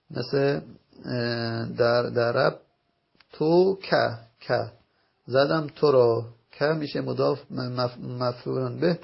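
A man teaching Arabic grammar in a recorded lesson, explaining patiently and slowly, repeating each example word. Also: medium pitch, vocal fry, breathy edge. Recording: dull lo-fi recording.

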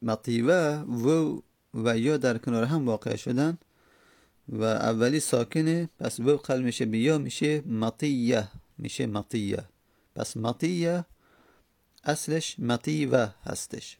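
Man, gravelly voice, dry recording, step-by-step grammar lesson. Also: mid-range voice, a little mellow, no echo. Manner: explains step by step, repeats words slowly to drill them. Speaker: teacher of Arabic grammar. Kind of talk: classroom lecture on Arabic morphology.

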